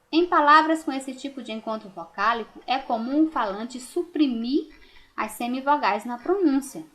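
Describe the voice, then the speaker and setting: A woman's voice: on the high side, a bit bright. A woman teacher giving a recorded lesson to young children, speaking patiently and drawing out words. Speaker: primary school teacher.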